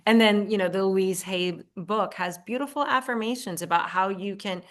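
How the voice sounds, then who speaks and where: A middle-aged woman with a medium-pitched voice speaks at a moderate pace, talking earnestly as a guest in a casual podcast conversation. She hosts a show of her own, talks in affirmations, and often restarts her sentences.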